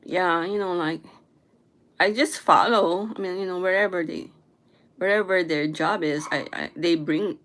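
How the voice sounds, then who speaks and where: Woman, young adult, casual vlog chat, slow and halting, lowish voice. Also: a bit bright. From Philippines. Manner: halting, searching for words, self-correcting.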